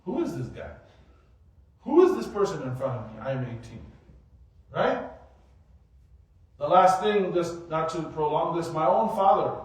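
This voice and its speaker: Man in his 40s, high voice, animated mosque lecturer; recorded far off in a very echoey hall. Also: unhurried, pauses often. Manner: animated, asks rhetorical questions. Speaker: mosque teacher giving a weekly study circle. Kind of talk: sermon-style lecture.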